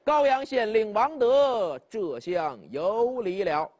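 Man playing a smooth-talking courteous magistrate. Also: sits high, expressive, slow pace, darkish tone, full character voice. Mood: courteous, coaxing. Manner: polite, coaxing official speech. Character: male county magistrate, courteous and persuasive.

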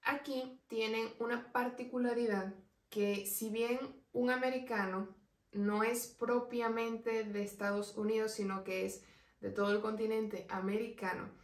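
A woman teaching an online language lesson, explaining patiently and slowing right down to spell out each example word. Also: on the high side, little pitch movement, far from the mic. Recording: roomy echo, voice away from the mic.

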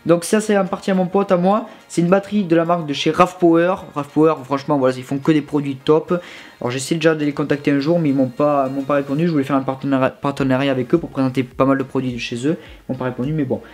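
Young male tech vlogger, slightly high voice, informal gadget review. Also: steady tone, quick pace, a little mellow, faint music behind. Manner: chatty, informal, with many fillers and restarts. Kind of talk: casual product review. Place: his bedroom.

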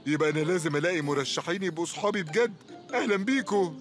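A man's voice: on the high side, lively intonation, racing, soft background music, lightly acted. A man voicing a clingy, goofy adult cartoon friend in an Egyptian Arabic accent, dramatic and whiny. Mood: silly. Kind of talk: cartoon dub acting.

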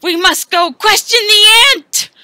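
Casting: melodramatic young cartoon girl detective played by a woman, high, bright, theatrical exclamations. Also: measured pace, no echo, exaggerated voice. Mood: excited. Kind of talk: animated comedy skit dialogue.

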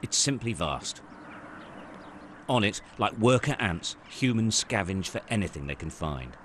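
An older man reporting and narrating a news report in a measured, grave way. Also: fairly low pitch, lively intonation, fairly bright tone, a little hiss or hum.

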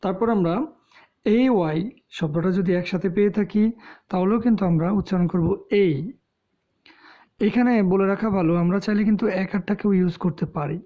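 Woman, Bangladeshi Bengali accent, slow explanatory lesson, lowish voice, dull lo-fi recording. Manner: slow, explanatory, with pauses and fillers. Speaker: English pronunciation teacher. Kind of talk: spoken lesson. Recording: dull lo-fi sound.

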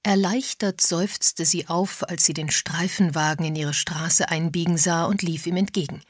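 Female audiobook narrator, husky lower voice, dry close studio sound, voices all characters herself. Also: fairly even intonation, normal speed, no room sound. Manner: reads all characters in dialogue with small pitch shifts. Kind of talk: scripted narration.

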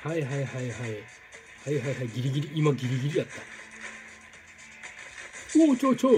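A man commentating his own gameplay, exclaiming and repeating words in quick bursts. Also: medium pitch, fairly even intonation, a little mellow, soft background music. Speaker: game streamer. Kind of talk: excited let's-play commentary.

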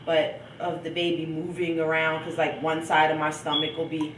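A woman's voice: deep voice, completely flat delivery, normal speed, a bit bright, far from the mic, slight background noise. A young woman chatting casually in a home video diary, stuffed up with a cold and laughing between thoughts. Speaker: vlogger. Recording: echoey room, from off the mic.

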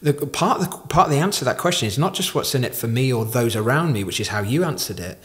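A man's voice: mid-range voice, animated, fast talker, a bit bright. A man in his thirties hosting a podcast in thoughtful conversation at a desk microphone. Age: 30s. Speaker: podcast host. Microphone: podcast microphone on desk stand.

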